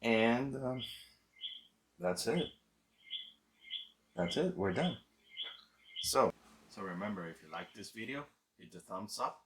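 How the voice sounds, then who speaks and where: Low-voiced slow-talking male vlogger. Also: slight background noise, poor audio. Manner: relaxed, chatty, thinking aloud. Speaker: channel host. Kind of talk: casual unboxing vlog. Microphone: podcast mixer microphone.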